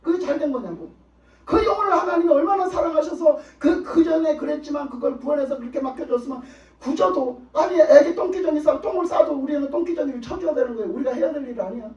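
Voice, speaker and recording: High-voiced preacher in echoey hall. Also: male voice, quick pace, darkish tone. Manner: emphatic, repetitive rhetorical questioning. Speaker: pastor. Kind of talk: sermon. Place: church sanctuary. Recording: echoey hall, distant dull mic.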